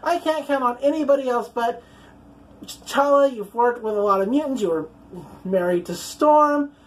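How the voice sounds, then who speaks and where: A woman's voice: on the high side, normal speed. Chatty woman recapping a comic. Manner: chatty, profane, full of "like" and "you know". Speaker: comic book reviewer.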